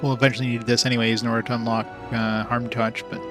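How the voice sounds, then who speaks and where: A male game streamer with a medium-pitched voice talks over loud game music. His commentary is casual and offhand, as he thinks aloud with some swearing. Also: flat delivery, fast. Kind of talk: casual let's-play commentary.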